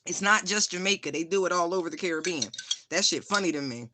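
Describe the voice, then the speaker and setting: Speaking fast at medium pitch against a noisy background, a tarot reader gives a casual spiritual reading. She's frank and profane, laughs often, and repeats phrases for emphasis.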